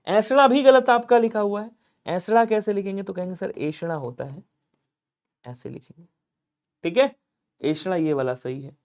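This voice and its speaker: A Hindi teacher from Lucknow, India runs a live online exam-prep class in a fairly high, somewhat mellow voice. He drills answers in a call-and-response rhythm, asking questions and answering them himself, and keeps urging viewers to comment quickly.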